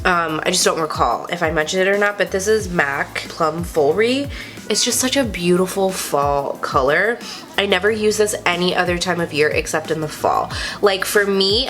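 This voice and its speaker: Stuffed up with a cold, this young woman from Texas chats about makeup she loves, peppering her review with "like." Her voice is lowish with a fairly bright tone.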